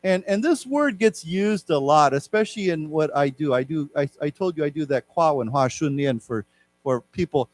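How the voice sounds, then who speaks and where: A man's voice: fairly high pitch, lively intonation, normal speed. A man, raised in Taiwan, teaching a live English class, explaining words and having the class repeat them. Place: lecture room.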